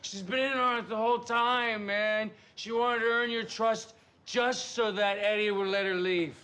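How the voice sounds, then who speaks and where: A man's voice: high-pitched, fairly even intonation, a little slow, sharp tone, clear, resonant tone. An actor playing an aggrieved, drunken hippie shopkeeper father in a film, drawling and accusatory. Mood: drunken accusing. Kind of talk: film acting.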